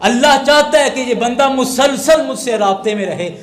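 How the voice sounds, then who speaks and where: Male Islamic preacher, high voice, rhetorical questioning style, echoey hall recording. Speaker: Islamic scholar. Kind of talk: sermon.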